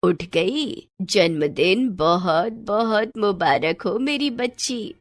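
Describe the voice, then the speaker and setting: A woman voicing a kind old grandmother in a storybook tale, speaking slowly and soothingly. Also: medium pitch, animated, no room sound, studio quality. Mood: tender. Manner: slow, soft and soothing.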